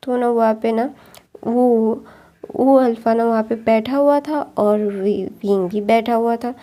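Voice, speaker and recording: A woman's voice: on the high side, steady tone, unhurried, mellow. A woman casually narrating a long fan story, rambling, with many fillers and restarts.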